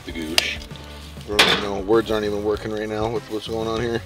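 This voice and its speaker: A brisk, lowish male voice with fairly even intonation carries this casual vlog chat. He addresses viewers as a camping and fishing vlogger, folksy and playful, exuberant and full of quirky slang, over background music.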